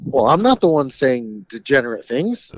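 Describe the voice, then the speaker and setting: A man's voice: mid-range voice, very animated, moderate pace, no echo. Tipsy man on a car speakerphone. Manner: laid-back, short easygoing replies. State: tipsy after the bar. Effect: speakerphone call from a moving car. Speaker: podcast guest calling in. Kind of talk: casual chat. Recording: dull lo-fi phone line.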